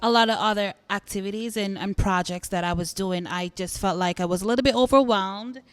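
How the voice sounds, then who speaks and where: A woman's voice: mid-range voice, a little fast, clear, resonant tone, dry recording, faint music behind. A young adult woman from Jamaica hosting a podcast, chatting casually with listeners, laughing easily and repeating phrases for emphasis. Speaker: podcast host.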